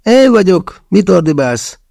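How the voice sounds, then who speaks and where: A man voicing an easily offended, hot-headed young man who bursts out in shrill, indignant protest. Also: very animated, gravelly, mellow, no room sound, clean studio sound, heavily acted. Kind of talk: audiobook character voice.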